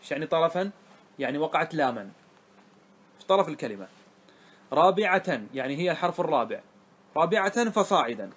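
A man teaching a grammar class to students, often asking them whether it is clear and repeating key words. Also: fairly high pitch, big pitch swings, fast talker, long pauses, a bit bright. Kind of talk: classroom lesson.

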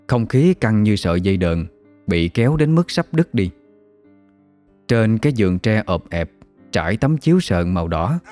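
A man, narrating a ghost story in a steady, measured way. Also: lowish voice.

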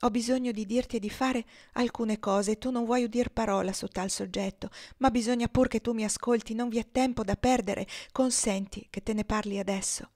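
A woman's voice: fairly high pitch, steady tone, brisk, hardly any pauses, warm tone, pitched above the performer's own voice, lightly acted. Eva: a woman reading a frail, earnest girl. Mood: pleading.

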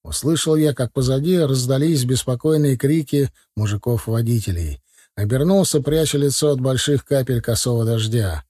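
A man's voice: mid-range voice, moderate pace, warm tone, slightly rough, dry recording. A man narrating a novel in the first person, reading steadily on a close mic. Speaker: audiobook narrator.

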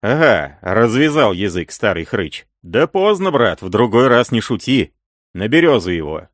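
A man's voice: on the low side, very animated, moderate pace, no room sound. Barked orders from a male reader, audiobook, dry sound. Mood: mocking. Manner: bellowing commands. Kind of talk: audiobook reading.

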